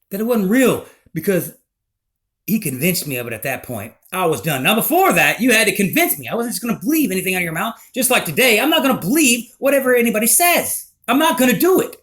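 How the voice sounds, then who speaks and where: A man recounting a personal life story in a rambling, emotional, animated way. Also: high-pitched.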